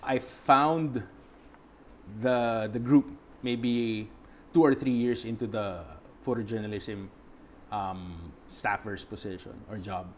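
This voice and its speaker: Young man, slightly low pitch, reflective, hesitant, interview guest. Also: steady tone, takes it slowly, slight background noise. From Philippines. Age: young adult. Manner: reflective, searching for words with many fillers. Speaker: guest photographer. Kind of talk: interview answers.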